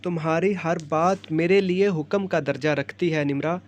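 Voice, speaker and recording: A man's voice: fairly high pitch, close to an everyday voice. A man voicing a young man in love who is sick, playful and devoted.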